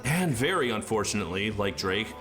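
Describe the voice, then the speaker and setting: A man's voice: lowish voice, sing-song, a little fast, fairly bright tone. A man giving a scripted music review in a dry, sarcastic way, with music playing underneath. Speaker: music critic.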